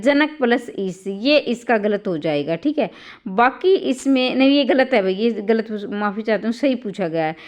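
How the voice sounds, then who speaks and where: A woman tutor explaining exam answers one by one, often adding "bhai" and "theek hai" as she checks each option. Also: a little high.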